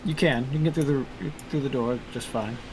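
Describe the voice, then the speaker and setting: A man's voice: mid-range voice, fairly quick. A man running a tabletop game as game master, narrating casually and thinking aloud about the rules. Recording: noisy room, steady background noise.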